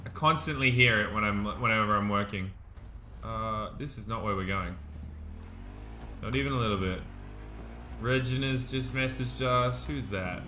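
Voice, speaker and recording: A young man chatting excitably while commentating his own gameplay, laughing often. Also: lowish voice, moderate pace, pauses often, noisy background. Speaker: gaming streamer.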